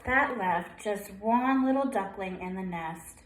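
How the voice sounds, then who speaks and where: At a slow pace and medium pitch, this preschool teacher leads story time, reading a picture book to young children. She prompts them with questions and counts in a sing-song voice, and the room adds a spacious echo.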